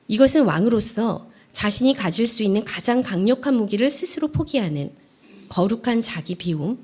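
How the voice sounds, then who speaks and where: A woman evangelist preaching a dawn prayer sermon in an earnest way, lifting her voice on key phrases and dropping to a hush at the ends. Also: medium pitch. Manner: earnest, rising emphasis then hushed phrase endings.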